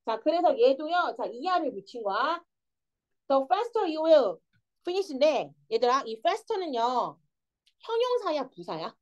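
A woman's voice: high-pitched, takes it slowly, highs cut off. A young woman teaching an English grammar lesson, explaining step by step and often checking whether the students follow. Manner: lively, keeps checking understanding with students.

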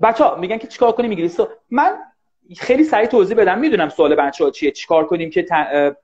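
A man teaching English in a casual live online class, talking fast and animated and often thanking viewers. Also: high voice. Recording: dull lo-fi livestream audio.

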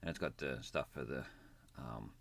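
Here the man's pitch is extremely low, his tone fairly bright, his pace moderate. He reviews gadgets in an off-the-cuff, plain-spoken hands-on demo from a desk near a computer indoors.

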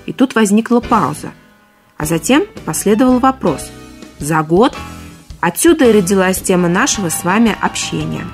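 A woman presenting a short broadcast segment on correct speech, in a clear, instructive and friendly manner. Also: medium pitch, animated, a little fast, soft background music. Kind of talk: scripted broadcast talk.

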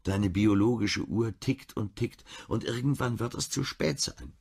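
A man's voice: lowish voice, unhurried, creaky, a little mellow, breathy edge, pitched above the performer's own voice, exaggerated voice. A man voicing a weary, bitter husband in his mid-forties who drinks too much. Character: 45-year-old man, drinking, grieving husband.

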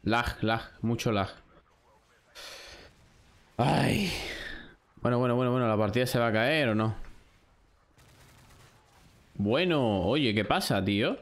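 A man's voice: mid-range voice, normal speed, long pauses. A young man from Spain streaming a shooter live, talking to himself and his chat and swearing at his losses. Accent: Spain Spanish. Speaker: gaming streamer. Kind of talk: live gameplay commentary.

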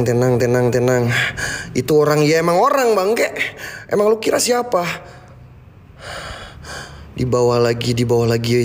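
A man's voice: on the high side, in a large hall. A man hosting a ghost-hunting vlog, talking in brash, taunting slang as he calls out spirits in an abandoned school at night. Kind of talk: casual live ghost-hunting commentary.

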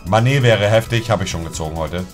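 Speaking briskly in a fairly low voice, a young streamer comments casually on his FIFA pack openings over faint game music. He talks in slangy street language, repeats "Digga" constantly, and shouts whenever a good pull lands.

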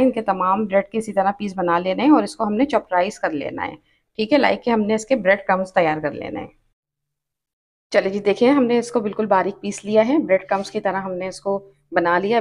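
Patient woman with a Pakistani Urdu accent teaching a recipe. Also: mid-range voice. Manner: patient, repeats each step and tip. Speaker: cooking channel host. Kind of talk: step-by-step recipe instructions. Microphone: off-camera voice over hands-only cooking shots.

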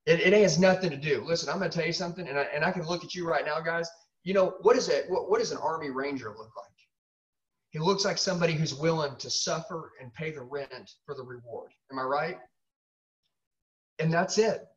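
Speaking fairly quickly in a slightly high voice, a man plays a sales trainer and host whose motivational coaching is emphatic and punchy, with lines repeated for effect. A far-off mic gives the audio a dull, lo-fi sound.

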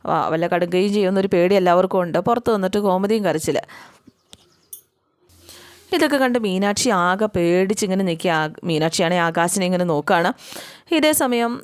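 Woman storyteller, casual serial recap, chatty and animated; clean, dry sound. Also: lowish voice, fairly quick, clean tone, dry recording. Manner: animated, chatty, frequent fillers. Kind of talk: casual spoken retelling.

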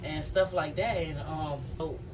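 A woman's voice: low-pitched, fairly even intonation, unhurried, distant mic, noisy background. A woman in her thirties chatting to camera in a small home kitchen in a loose, reflective, rambling way. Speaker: vlogger. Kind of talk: casual chat to camera while cooking. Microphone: phone camera propped on counter.

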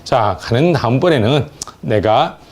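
A middle-aged man teaching English grammar in Korean, explaining test answers step by step and reading English phrases slowly with a Korean accent. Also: mid-range voice, animated, a little mellow, a little hiss or hum.

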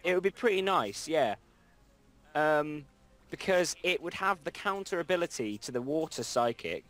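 A man's voice: on the high side, expressive, normal speed, fairly bright tone. A young man hosting a let's play, chatting casually and rambling with frequent restarts. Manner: rambling, self-correcting, reads game dialogue aloud. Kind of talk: casual gameplay chat.

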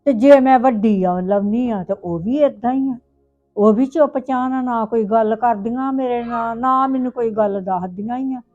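A doting old village grandmother, played by a woman speaks. She mishears, then scolds, in a fairly high voice. Faint music plays under this homemade drama. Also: normal speed, a little mellow, muffled recording, lightly acted. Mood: puzzled. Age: older.

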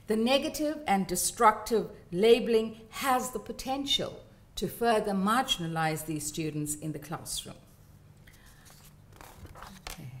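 A woman's voice: mid-range voice, expressive, a little slow, pauses often. A woman lecturer giving an academic talk, explaining and listing terms. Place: large lecture theatre.

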